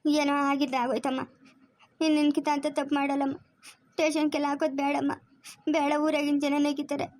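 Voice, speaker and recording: A woman voicing a soft-hearted grandmother begging tearfully in a family cartoon. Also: high voice, level tone, fast, dry recording, close to an everyday voice. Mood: pleading.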